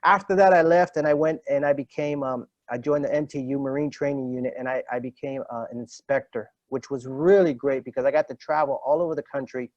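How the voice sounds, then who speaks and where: In a dry, muffled recording, a man in his fifties who is a retired Marine master gunnery sergeant tells stories as a podcast guest. He talks a little fast with hardly any pauses, at medium pitch and fairly even intonation, acting out quoted dialogue full of fillers and restarts in this casual interview.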